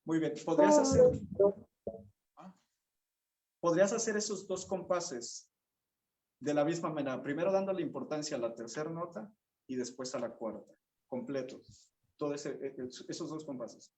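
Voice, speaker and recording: A man teaching a bassoon masterclass, patiently explaining and singing rhythms and note names to show the phrasing. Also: normal speed, pauses often, warm tone. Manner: patient, encouraging. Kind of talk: masterclass instruction.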